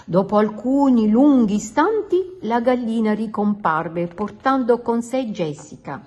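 Woman reading a picture book, animated. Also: fairly high pitch, a little slow. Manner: animated, expressive. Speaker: storyteller reading to children.

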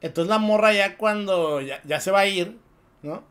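A man's voice: high-pitched, moderate pace, smooth. A man with a Mexican Spanish accent co-hosting a casual film podcast, full of slang and swearing as he retells a story. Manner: slangy, profane, animated storytelling. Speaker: podcast co-host.

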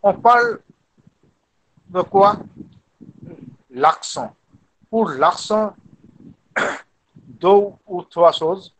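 A man with a high voice lectures slowly in French as a guest speaker in a French teaching webinar, heard over a rough video-call recording. He is deliberate and repeats himself, slipping in animated, playful asides.

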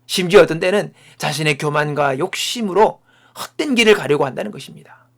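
Male pastor, loud then whispered. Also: a little high, expressive, creaky. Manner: swings from loud declarations to hushed whispers; slow, emphatic phrasing broken into short pieces. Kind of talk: sermon ending in prayer.

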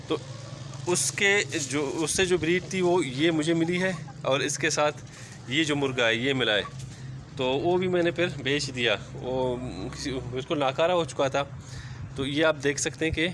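A man gives a casual, chatty walk-through of his rooftop yard, often repeating filler phrases. He films on a handheld phone camera outdoors. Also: on the high side. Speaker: poultry vlogger. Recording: outdoor ambient noise.

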